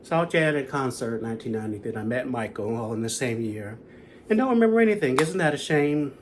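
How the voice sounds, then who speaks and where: Guy in his 30s rambling about a concert he saw, casual vlog chat, mid pitch voice. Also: lively intonation, quick pace, background noise. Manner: chatty, rambling fan recap. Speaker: concert vlogger.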